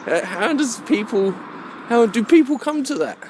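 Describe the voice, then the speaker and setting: A man's voice: extremely high pitch, very animated, normal speed, darkish tone, slight background noise. A British man giving a rambling, opinionated monologue, emphatic and fond of rhetorical questions. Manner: emphatic, rhetorical questions, checks listener understands. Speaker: vlogger.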